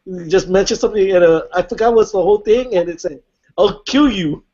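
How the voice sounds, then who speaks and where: A man with a high voice speaks in a casual chat among friends. He hesitates constantly, filling gaps with "um" and "uh". The audio is dull and lo-fi. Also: quick pace, mellow. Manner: hesitant, full of "um" and "uh", laughs between words.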